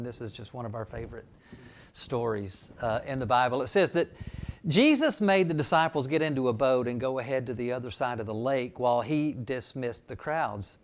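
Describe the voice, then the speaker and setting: Man preaching an anniversary sermon. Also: medium pitch. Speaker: pastor.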